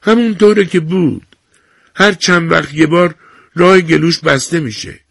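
Brief: a man doing a frail, proud old grandmother, thin and high, slow and earnest, a husky gravelly edge, dry close sound. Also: fairly bright tone, no room sound. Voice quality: raised, thinned voice.

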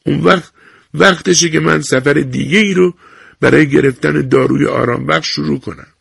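A proud old grandmother speaks in a thin, lifted voice, as a man puts her on, slow and pleading. Her tone carries a raspy, gravelly grain. The sound is dry and close. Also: a little high, fairly even intonation, fairly bright tone, no echo, pitched above the performer's own voice, heavily acted. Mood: earnest. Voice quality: raised, thinned voice.

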